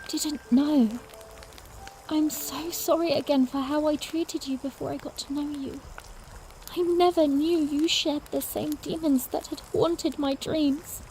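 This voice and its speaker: Young princess played by a woman, high and mellow, earnest and gently playful, storybook audiodrama telling over faint ambience. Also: slight background noise. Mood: tender, apologetic. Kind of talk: first-person audiodrama narration with character dialogue.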